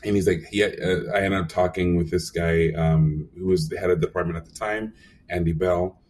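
A young man with a low, deep voice tells stories as an interview guest. He acts out conversations and talks with plenty of fillers. He sounds a little away from the mic, with faint noise in the room. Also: fairly quick, recorded from a distance. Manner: animated storyteller, acts out quotes, frequent fillers. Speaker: animation supervisor guest. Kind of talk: casual storytelling interview.

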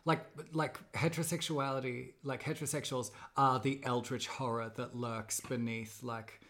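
A man's voice: mid-range voice, steady tone, moderate pace, a bit bright. A man in casual podcast chat, dry and joking.

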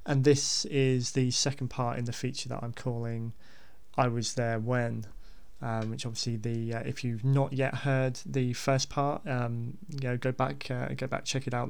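A man's voice: mid-range voice, vocal fry, clear, resonant tone. A man hosting a podcast, talking casually and unscripted in a hesitant, rambling way with repeated words. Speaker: podcast host.

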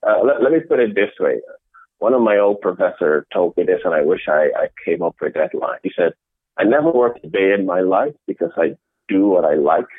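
A middle-aged man from the Netherlands answering interview questions in a measured way, often restarting his sentences. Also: low-pitched, lively intonation, no echo. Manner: measured, with frequent restarts and fillers. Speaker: interview guest, innovation executive. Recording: dry, tinny phone-like call audio.

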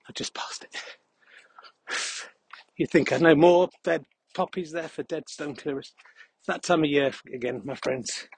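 A man's voice: on the high side, normal speed, a little mellow, slightly rough, dry recording. A man hosting a podcast as a casual, rambling monologue while walking outdoors on a country path. He is out of breath and adds dry, jokey asides. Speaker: podcast host.

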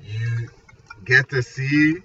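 Speaking very slowly at a medium pitch, a Nigerian man in his twenties sounds pushed and bright as he casually describes his architecture background and creative work. "Like" and "you know" crop up often, and a distant mic leaves the recording muffled with noisy ambience.

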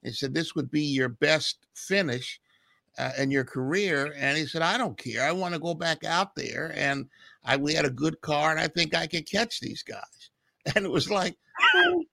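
Gravelly, sharp-toned male co-host, storytelling, dry studio. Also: a little high, normal speed, no room sound. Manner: storytelling, laughs while talking. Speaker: radio co-host, stats man. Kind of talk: casual studio chat.

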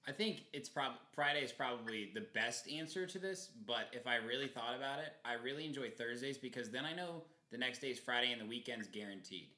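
A man's voice: medium pitch, fairly quick, few pauses, sharp tone, slight background noise. A young man co-hosting a podcast, chatting casually with a friend in an echoey room. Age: young adult. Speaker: podcast co-host. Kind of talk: casual chat between friends.

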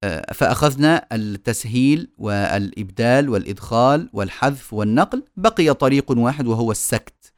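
A man teaching Quran recitation in a recorded online lecture, explaining patiently and slowing down to model each sound. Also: medium pitch, lively intonation, dry recording, clean studio sound.

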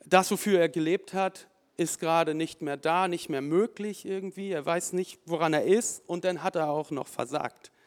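A man preaching a sermon, telling the story lively and with emphasis and voicing the people in it. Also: fairly high pitch, normal speed, hardly any pauses. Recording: long hall reverb.

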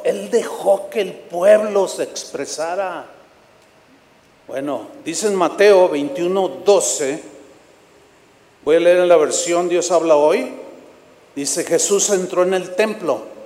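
High-voiced animated preacher in an echoey hall. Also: male voice, slow pace. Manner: animated storytelling, acts out shouting congregants. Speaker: pastor. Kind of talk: sermon. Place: church sanctuary.

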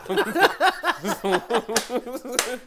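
A man's voice: very high-pitched, sing-song, extremely slow, over a noisy crowd. Easygoing rambling male producer. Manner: easygoing, rambling, laughs often. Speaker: podcast producer. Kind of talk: casual group chat.

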